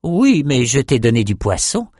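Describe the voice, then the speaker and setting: A man voicing a naive, childlike albino shaman slaver in an audiobook, in a high, slow, puzzled voice. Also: very animated, a little mellow, dry recording, clean studio sound. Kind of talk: audiobook character voice.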